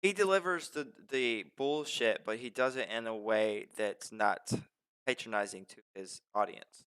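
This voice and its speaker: A man's voice: lowish voice, a little slow, a bit bright, smooth. A man in casual conversation, giving short agreeing replies and curious follow-up questions. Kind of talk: casual chat.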